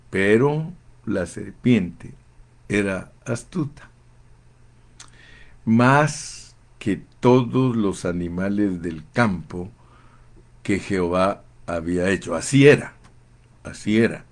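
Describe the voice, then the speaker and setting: A man preaching a sermon in a slow, emphatic, fervent way, often calling his listeners brother. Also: on the low side, animated. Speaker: pastor.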